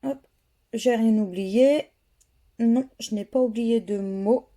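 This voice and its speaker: Slow, soft-toned woman scratching tickets. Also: fairly high pitch. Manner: slow, methodical, spelling out letters one by one. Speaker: YouTuber scratching lottery tickets. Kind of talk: casual running commentary.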